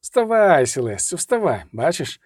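A man voicing a shouting battle-worn captain. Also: on the high side, big pitch swings, a little slow, breathy edge, dry recording, clean studio sound, heavily acted. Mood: defiant. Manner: shouting orders. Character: battle-worn male Hussite captain, gruff and commanding.

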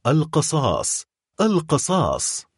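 A man's voice: mid-range voice, huge pitch swings, normal speed, husky, dry recording, clean studio sound. A man voicing a frightened young wife who cries out and pleads, in an audiobook reading. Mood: begging. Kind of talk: audiobook character voice.

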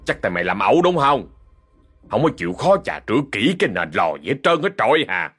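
A man voicing a falsely pious husband with a Southern Vietnamese accent who speaks softly and chillingly, in a storybook ghost tale. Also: mid-range voice, very animated, quick pace, husky, soft background music, full character voice. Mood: scolding. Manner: soft-spoken, chillingly gentle.

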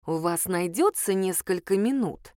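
A woman reader voicing a shrewd middle-aged female sleuth, who talks in a low, hushed and persuasive way. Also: animated, a little slow, dry recording, studio quality. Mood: conspiratorial.

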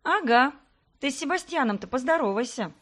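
Woman as a joking young heroine, mock whine, bright, a touch high. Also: expressive, fairly quick. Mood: amused. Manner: mock-whiny, playful.

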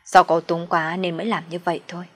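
A woman's voice: fairly low pitch, level tone, quick pace, natural voice. A woman voicing a wheedling older in-law.

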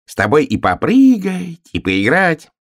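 A man's voice: huge pitch swings, unhurried, dry recording, studio quality, full character voice. A man voicing a tiny boastful frog who pretends to be a dog, talking eagerly. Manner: squeaky, eager, fibbing with confidence.

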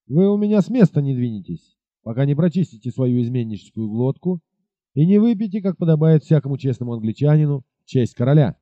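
A man's voice: medium pitch, expressive, fairly quick, no room sound, lightly acted. A man reading aloud, voicing a hot-tempered, arrogant army captain who barks orders. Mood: bullying. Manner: blustering, shouting orders. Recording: dull lo-fi recording.

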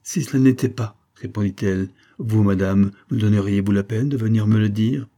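A man's voice: fairly low pitch, steady tone, moderate pace, mellow, lightly acted. A man voicing a chatty older village innkeeper who confides local gossip. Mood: gossipy.

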